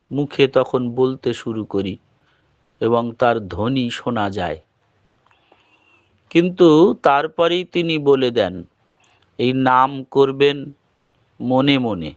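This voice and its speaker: A man with a Bengali accent giving a devotional talk, explaining slowly and patiently. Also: mid-range voice, no room sound. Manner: slow, measured, explaining patiently. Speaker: preacher. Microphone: online meeting audio. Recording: dull lo-fi call audio.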